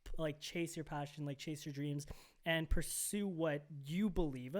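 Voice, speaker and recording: A young man co-hosting a podcast, telling a story in casual chat, animated and full of "like" and "bro". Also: fairly high pitch, unhurried. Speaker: podcast co-host.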